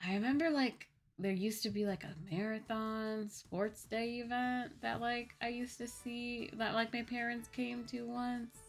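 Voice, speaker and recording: With music playing behind her, a young woman from the United States chats informally with her live viewers as a livestreamer and virtual YouTuber, rambling and frequently correcting herself. Her voice is fairly high and a bit bright.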